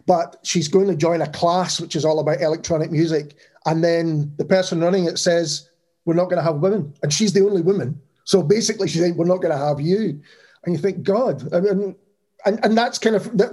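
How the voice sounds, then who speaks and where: Friendly male podcast host, mellow tone. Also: a little high. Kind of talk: interview hosting.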